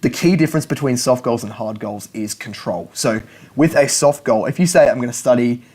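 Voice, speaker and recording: Talking straight to camera, a young man who runs a language learning YouTube channel gives an easygoing, unscripted lesson. English is his first language, and his pace is brisk at a typical male middle pitch. He wanders a bit as he explains, restarting phrases and going back over words.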